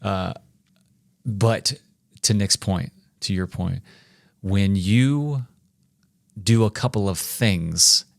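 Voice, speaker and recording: A man's voice: fairly low pitch, very slow, creaky, long pauses, no room sound, clean studio sound. A man in his forties co-hosting a faith-based leadership podcast, emphatic and speaking directly to listeners. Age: 40s. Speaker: podcast co-host.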